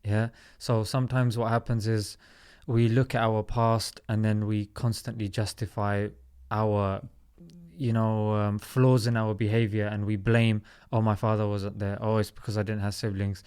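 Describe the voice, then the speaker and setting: Guest voice: man, 30s, from South London, smooth and resonant, lowish pitch, earnest storyteller. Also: level tone, moderate pace, darkish tone. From South London, England. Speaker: podcast guest, comedy YouTuber. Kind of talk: casual interview talk.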